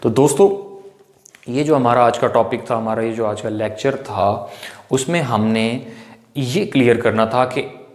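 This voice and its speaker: A man's voice: medium pitch, measured pace, darkish tone. A man teaching English grammar in a patient, repetitive lecture, often putting questions to his viewers and answering them himself. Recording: echoey room with long reverb.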